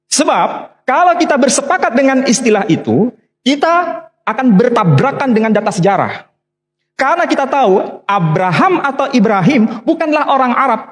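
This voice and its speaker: A man delivers a religious history lecture in a high voice. His pitch swings widely as he explains. He slows down to spell out letters and lean on key terms. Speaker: Islamic preacher and scholar.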